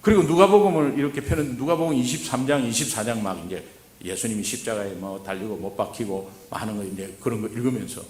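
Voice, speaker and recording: A man preaching at a revival, telling a story and then exhorting, moving from hushed recounting to loud urging. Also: mid-range voice, fast. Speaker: guest preacher. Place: church sanctuary. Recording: echoey church hall.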